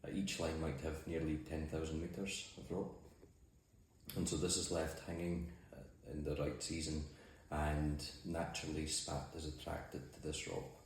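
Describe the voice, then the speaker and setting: With a bass voice and flat delivery, a Shetland man speaks a little slowly while answering interview questions in an understated manner. He works as a mussel farmer and boat skipper. The recording, made in an office, has faint noise and lots of echo.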